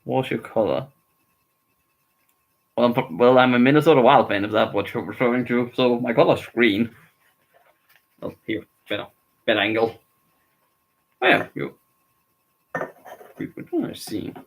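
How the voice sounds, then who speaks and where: A man's voice: mid-range voice, lively intonation, unhurried, gravelly, long pauses, poor audio. A man from Denmark, giving casual, rambling live reaction commentary on a hockey game and grumbling about his team's play. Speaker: streamer.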